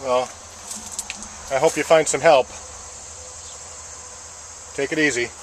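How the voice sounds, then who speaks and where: A man walking on rural roads who records a casual video diary and interviews strangers in a halting way, full of "uh" fillers. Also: medium pitch, steady tone, noisy background. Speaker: walker filming a fundraiser walk.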